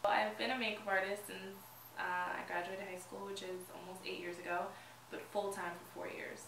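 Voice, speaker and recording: A woman's voice: mid-range voice, little pitch movement, brisk, creaky. A woman in her twenties co-hosting a casual couples vlog, teasing her partner and laughing at him. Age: 20s. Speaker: vlog co-host. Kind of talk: casual chat. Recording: echoey room, mic at a distance, faint noise.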